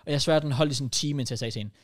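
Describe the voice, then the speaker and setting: A man's voice: medium pitch, no echo, clean studio sound. Young danish guy on a podcast, mid voice, chatty, throws in english swears. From Denmark. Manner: lively, swears casually, mixes in English. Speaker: podcast co-host. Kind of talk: casual chat.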